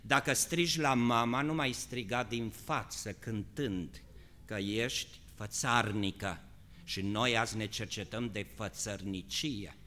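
A male pastor preaching a sermon, moving between shouted, drawn-out high passages and quiet, conversational questions.

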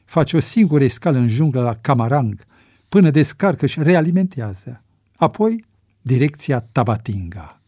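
Audiobook role: a man playing a cocky, wry young runaway, lively and mellow. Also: medium pitch, no echo. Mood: mocking. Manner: dry, mocking. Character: cocky young male fugitive, ironic.

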